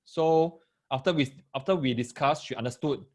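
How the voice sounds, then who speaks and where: A man's voice: medium pitch, moderate pace, darkish tone. A man with a Singaporean accent and Singlish particles, teaching maths in a live online lesson, explaining step by step, repeating phrases and checking that listeners follow. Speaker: maths tutor teaching parents and children.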